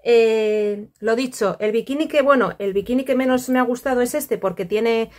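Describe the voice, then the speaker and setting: A woman's voice: on the high side, moderate pace, a little mellow. A middle-aged woman from the Country, chatting casually to camera outdoors by a pool, affectionate and full of fillers. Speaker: vlogger.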